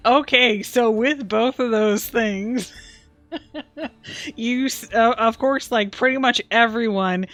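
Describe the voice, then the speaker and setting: A woman's voice: on the high side, slow, pauses often, fairly bright tone, no room sound, faint music behind. A woman narrating as game master of a tabletop game on a stream, giggly and hesitant, full of fillers.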